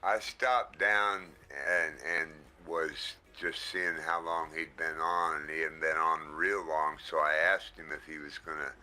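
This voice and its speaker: A man's voice: very deep voice, flat delivery, measured pace, hardly any pauses, pushed and bright. A man hosting a livestream through a headset mic, casual and easygoing, often thanking his viewers. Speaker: livestream host.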